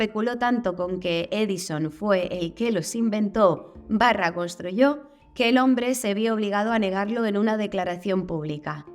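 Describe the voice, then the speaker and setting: Chatty Spanish woman narrating, wry asides. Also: medium pitch. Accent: Spain Spanish. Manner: casual, curious, with wry asides. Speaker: channel host.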